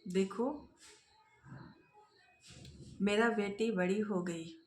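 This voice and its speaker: A woman's voice: medium pitch, darkish tone, slight background noise. Woman voicing a grieving father. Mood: pleading. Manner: slow, repetitive pleading. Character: grieving father, middle-aged husband. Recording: roomy echo.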